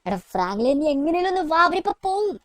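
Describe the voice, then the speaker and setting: Adult doing a very high-pitched cheeky cartoon boy, urgent and insistent, for gameplay role-play. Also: big pitch swings, fast talker, fairly bright tone, no echo.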